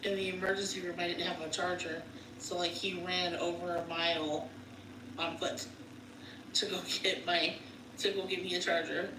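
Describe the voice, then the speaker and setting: Woman caller, low flat voice, far off the mic in an echoey room with noise. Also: moderate pace. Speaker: guest on a live call. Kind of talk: casual chat. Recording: distant echoey call with noise.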